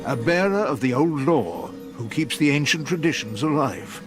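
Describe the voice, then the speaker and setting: A man's voice: medium pitch, very animated, moderate pace. An older man reading scripted travel narration. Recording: music behind the voice.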